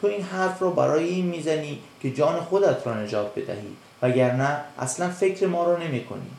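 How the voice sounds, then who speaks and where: A man's voice: on the high side, expressive, vocal fry, a little mellow, slight background noise, voice pushed up. A man voicing a group of frightened, cowardly little fish who plead and fawn, in a storybook reading. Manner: pleading, fawning. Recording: echoey room.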